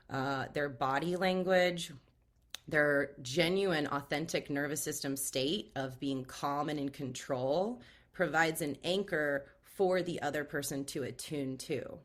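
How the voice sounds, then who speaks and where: A woman with a notably low voice speaks as a guest on a podcast. She explains in a calm, measured, steady way, like someone used to guiding others. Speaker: trauma awareness guide, podcast guest. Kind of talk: casual podcast conversation.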